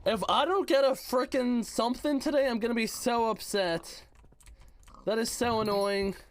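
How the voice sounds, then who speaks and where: A man's voice: very high-pitched, normal speed, slight background noise. A man streaming a game who chats casually, reads out and teases his chat, with a voice he says is worn out. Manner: playful, teasing, slangy gamer talk. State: voice worn out, slightly hoarse. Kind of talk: casual livestream chat, reading chat aloud.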